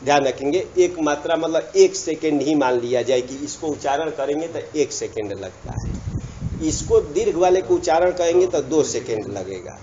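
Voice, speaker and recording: A man's voice: a little high, expressive, normal speed, mellow, dull audio, slight background noise. A man teaching Sanskrit grammar in a classroom lecture, drawing out words, repeating himself and prompting students to answer. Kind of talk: classroom lecture with call-and-response.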